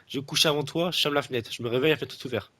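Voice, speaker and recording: While gaming with a friend, a young content creator congested from a cold rambles and teases, his speech full of fillers and restarts. He talks rapid-fire in a mid-range, slightly bright voice, with no room sound.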